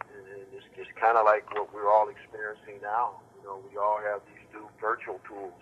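An older man answering reporters' questions over a conference call line, halting and often restarting with repeated words. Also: on the low side, a bit bright, a little hiss or hum. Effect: heard over a conference call line. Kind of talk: press teleconference answers. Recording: dull lo-fi call audio.

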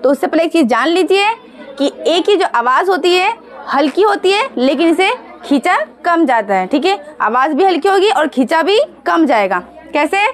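A woman teaching a Hindi lesson to young children, patiently sounding out syllables slowly and asking the children questions. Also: extremely high pitch.

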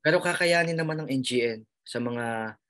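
This Filipino man, a nurse who passed the licensure exam, tells his story in an emotional interview with a Filipino accent, earnest and full of restarts and fillers, often addressing the host as sir. His voice sits at medium pitch, moderate in pace and slightly bright.

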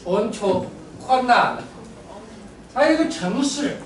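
A man teaching a classroom language lesson, joking and animated with his students. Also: very high-pitched, moderate pace. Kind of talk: classroom lecture. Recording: echoey room, mic far off, faint room noise.

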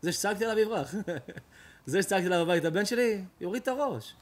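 A man, a rabbi, preaching an emotional storytelling sermon, shifting dramatically between loud outcries and hushed tones. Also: high voice, expressive.

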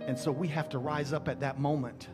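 A man's voice: a little high, steady tone. Emphatic middle-aged man preaching a sermon. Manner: preaching with rising, emphatic calls and drawn-out scripture readings. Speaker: pastor. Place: large church stage. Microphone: headset mic. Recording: church sermon with music behind.

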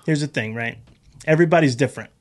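A man's voice: mid-range voice, fast. A man from Rhode Island, a guest in a casual chat, playful and jokey. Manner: playful, jokey, acts out voices.

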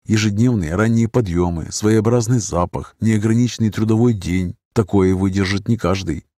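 A man narrating an audiobook in a steady, even reading. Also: lowish voice, normal speed, no room sound, clean studio sound. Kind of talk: scripted narration.

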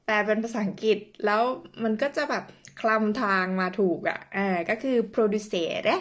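Casual vlog teacher, a Thai woman who sounds out each new word slowly. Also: mid-range voice. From northeastern Thailand. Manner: chatty, many fillers, slow careful spelling of words. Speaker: language teacher vlogger.

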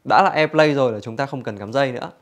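Male store demonstrator, mid-pitched. Infomercial-style walkthrough, explanatory and conversational, speaking to customers. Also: fast. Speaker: product demonstrator for an audio store. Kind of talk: product demonstration, infomercial-like sales presentation.

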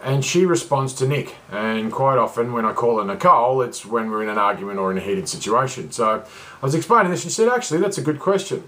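A man's voice: mid-range voice, lively intonation, quick pace, sharp tone. Rambling man, casual talk. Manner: rambling, lots of uh and restarts, wanders off track.

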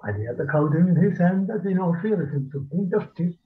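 An older man from the rural west of Ireland, a folklorist, tells folk tales in casual speech, lilting and rambling with repetitions and pauses. His voice is high-pitched, with lively intonation. He speaks from a small, dim room at home into a computer mic on a video call, so the audio comes through tinny, muffled, and phone-like.

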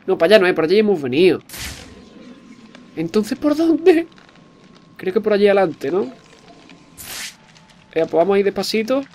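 A man giving jokey let's-play commentary, excitable and swearing often. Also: sits high, moderate pace, long pauses, a little hiss or hum. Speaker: gamer.

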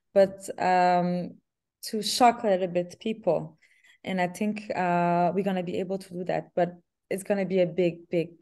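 A young woman from Canada, a singer, answering interview questions over a video call in a hesitant, halting way. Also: on the low side. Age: young adult. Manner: hesitant, restarts often, laughs softly. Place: small room indoors. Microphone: laptop webcam on video call.

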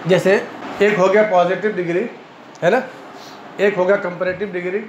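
A man with an Indian Urdu accent lectures on grammar in a fairly high voice, going over each point twice and checking in with his students. The madrasa classroom rings with echo, and the recording sounds dull and muffled with a faint hiss under it. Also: fairly even intonation, measured pace. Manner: clears throat often. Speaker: Arabic grammar teacher.

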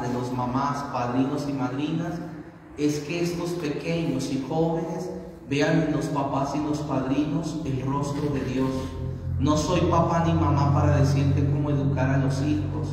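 A middle-aged man preaches at a baptism mass, listing virtues and sins one after another. His voice sits a little high. It reaches the camera from across a small, very echoey chapel with a long reverb tail. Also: noisy background. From Colombia. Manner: preaching in lists, asks the congregation questions. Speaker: priest. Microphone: handheld mic, far camera. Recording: echoey chapel, voice heard from far off.

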